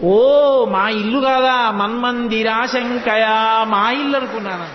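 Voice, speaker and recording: A man's voice: extremely high pitch, fairly even intonation, slow, slight background noise. A man voicing a mischievous little boy god who gives bold, innocent-sounding excuses in a devotional storytelling discourse. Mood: cheeky. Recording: echoey hall, dull sound.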